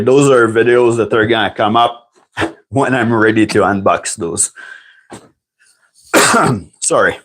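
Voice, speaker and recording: A man hosting a livestream chats casually and fields questions from his viewers. A native French speaker, he has a fairly low voice with a fairly bright tone, rambles as he talks, and clears his throat often.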